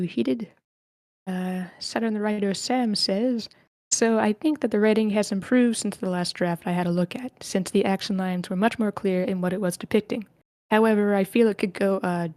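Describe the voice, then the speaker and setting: A woman with a medium-pitched, somewhat dark voice casually hosts a writers' feedback session in a live online meeting room, calling on participants and reading their comments aloud. The recording is dry.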